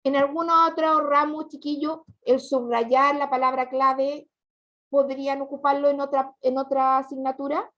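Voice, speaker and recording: A woman teaches an online class patiently, asking questions and repeating her students' answers. Her voice is high with a flat delivery and a measured pace, and the recording is dull and lo-fi.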